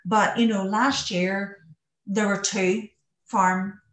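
A woman speaks from some way off in an echoey room. She has a west of Ireland accent from Donegal and talks in a chatty, plain-spoken interview style at a middling pitch. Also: fairly even intonation, slow pace. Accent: Donegal Irish, west of Ireland. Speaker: podcast guest, farm safety charity worker. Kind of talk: casual interview talk. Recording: roomy echo, distant from the mic.

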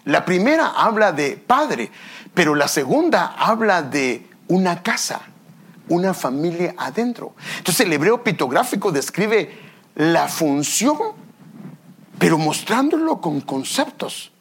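A man's voice: high-pitched, big pitch swings, unhurried, fairly bright tone, husky. A man preaching a teaching sermon as pastor, explaining step by step, with restarts and repeated phrases. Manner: explains step by step, often saying "fíjese".

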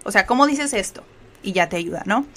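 A woman's voice: mid-range voice, lively intonation, fairly quick, fairly bright tone. A woman from Mexico with a Mexican Spanish accent, teaching English in a chatty live lesson and checking in often with the audience. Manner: chatty, explanatory, with many filler checks like "¿ok?".

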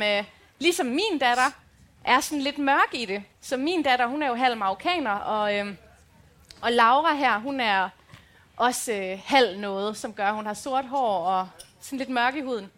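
A woman's voice: on the high side, fairly bright tone. A woman co-hosting a live podcast, telling chatty anecdotes with many fillers. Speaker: podcast co-host.

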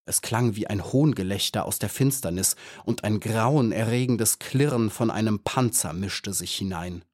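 A man narrating a children's audiobook in a measured, even storytelling manner. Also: medium pitch. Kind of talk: scripted narration.

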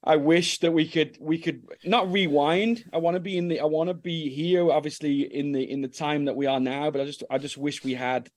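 A man's voice: a little high, fairly even intonation, brisk, hardly any pauses. A man with a Birmingham accent chatting casually as a guest, rambling a little and repeating words as he goes. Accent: Birmingham (Brummie). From Birmingham, England. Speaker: guest, youth football coach. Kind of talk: casual chat.

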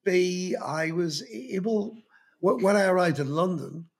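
Here the voice is high and unhurried, with vocal fry. The speaker is a Belfast-accented Northern Irishman in his fifties, a magazine journalist appearing as a guest, who looks back on starting out in music journalism in a meandering, anecdote-heavy way with many false starts.

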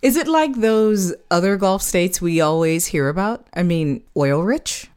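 Animated low-voiced woman host. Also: measured pace, clear, resonant tone. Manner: bright quiz-style presenting. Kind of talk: scripted radio feature.

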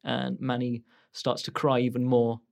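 A man's voice: medium pitch, monotone, a little slow, darkish tone. A man narrating as game master of a tabletop game, hesitant and full of fillers. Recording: narration over clear music.

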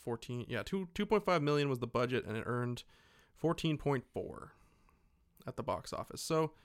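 A podcast co-host recaps a film casually, irreverently mocking it and mimicking the characters' lines as he acts out dialogue. His mid-range voice is animated at a normal speed, recorded at studio quality with no room sound.

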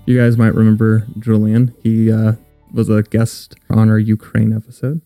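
A man's voice: lowish voice, completely flat delivery, moderate pace, warm tone, dry recording, faint music behind. A young man hosting a podcast, chatting easily and describing flavors in an easygoing way. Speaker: podcast host. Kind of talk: casual tasting chat and scripted intro.

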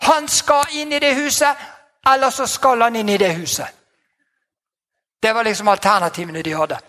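A man preaching a sermon in a lively, exclamatory way, chuckling often and dropping in amens and hallelujahs. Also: extremely high pitch.

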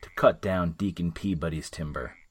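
A man's voice: sits low, moderate pace, breathy edge. A man reading as a sneering colonial man.

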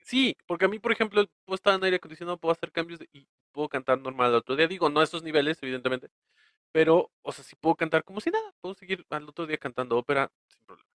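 Mexican guy chatting on a podcast, a bit high voice, laughs a lot, dry sound. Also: expressive, rapid-fire, fairly bright tone, dry recording. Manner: chatty, laughs often, trails off and restarts. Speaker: podcast co-host. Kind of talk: casual chat.

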